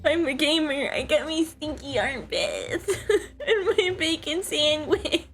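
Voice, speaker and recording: Giggly high-voiced young woman host. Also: lively intonation, slow pace, a bit bright, faint music behind. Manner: giggly, laughs often between words. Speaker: podcast host. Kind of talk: casual streamed podcast chat.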